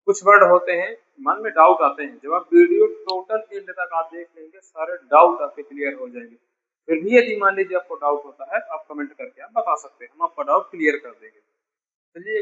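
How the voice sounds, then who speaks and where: A man's voice: high-pitched, pushed and bright, lo-fi sound. A man teaching a beginner English lesson, patiently repeating each point and calling his students dear children. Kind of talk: classroom lesson explaining spelling.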